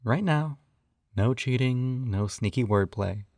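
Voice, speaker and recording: Slow and a little mellow at medium pitch, a man acts out an intimate scripted roleplay as a possessive male yandere who captures, hypnotizes, and coaxes. He dotes with mild condescension and sighs often, and the recording is dry, clean studio sound.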